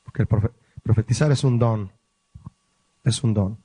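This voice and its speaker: A man, a pastor, teaching a Bible study lesson, explaining word meanings slowly and asking the listeners questions. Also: lowish voice, mellow, slightly rough, no room sound.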